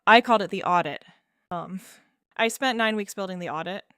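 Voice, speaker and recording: Woman, 30s, first-person storyteller; smooth yet gravelly voice, measured and wry. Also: medium pitch, fairly bright tone, dry recording, studio quality. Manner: measured, wry, with fillers and small laughs. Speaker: narrator.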